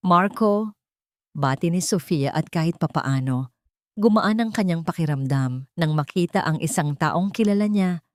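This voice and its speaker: Narrating a scripted dramatic story, this Filipino-accented woman has a low, slightly mellow voice. The studio-quality recording carries no room sound.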